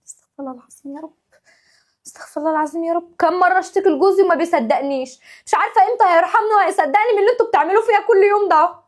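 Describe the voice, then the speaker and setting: A woman with an Egyptian accent playing a put-upon young wife and mother in a family sketch, talking in an exasperated, pleading way. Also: very high voice. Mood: aggrieved. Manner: exasperated, pleading, quick rapid-fire talk. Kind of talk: home-video family sketch acting.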